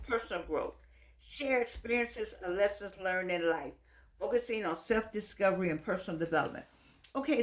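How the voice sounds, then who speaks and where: Lady with no teeth, sassy folksy chat, voice swings up and down a lot, roomy echo. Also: mid-range voice. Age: middle-aged. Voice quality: toothless, slightly soft articulation. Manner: animated, sassy, folksy, repeats phrases for emphasis. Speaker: vlogger. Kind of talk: casual chat, rambling advice to viewers. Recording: echoey room.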